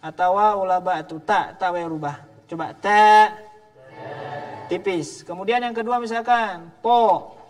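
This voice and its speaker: A man's voice: sits high, normal speed, soft background music. A man with a Sundanese accent teaching Quran recitation in a mosque, patiently drilling letter sounds and asking students to repeat. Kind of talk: tajwid class with drills. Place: mosque hall, indoors. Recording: long reverb of a large hall.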